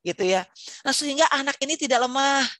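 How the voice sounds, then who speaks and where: A woman's voice: high-pitched, animated, fast talker, fairly bright tone, no echo. A woman giving a chatty Islamic parenting seminar, speaking directly to the parents and asking them rhetorical questions. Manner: tags sentences with "gitu ya".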